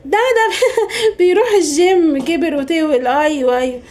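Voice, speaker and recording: A woman's voice: sits high, moderate pace, natural voice. A woman with an Egyptian Arabic accent voicing a fussy, superstitious middle-aged mother in a comedy sketch, scolding and gossiping. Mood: gossipy. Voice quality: scolding, then hushed gossipy phone chatter.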